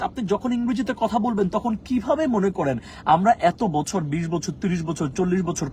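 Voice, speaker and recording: Earnest teacher, emphatic repeated English phrases. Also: male voice, high-pitched, a little hiss or hum. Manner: mixes slow emphatic English into fast talk. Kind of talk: motivational English lesson.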